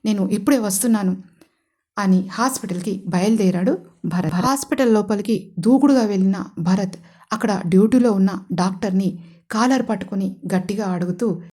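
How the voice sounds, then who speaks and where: A woman storyteller reads a romantic drama aloud. Her voice is warm and mellow, and her delivery is steady and expressive. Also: mid-range voice, moderate pace, husky. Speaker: narrator and writer. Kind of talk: storytelling narration.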